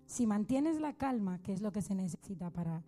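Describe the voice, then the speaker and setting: A woman's voice: mid-range voice, animated, moderate pace, warm tone, faint music behind. A woman preacher giving a sermon in a conversational way, asking rhetorical questions and building to fervent appeals.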